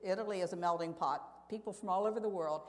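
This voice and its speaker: A woman with a lowish voice speaks quickly, delivering an earnest, conversational church testimony as a missionary speaker. She tells stories and poses questions to her audience, recorded in an echoey hall with long reverb.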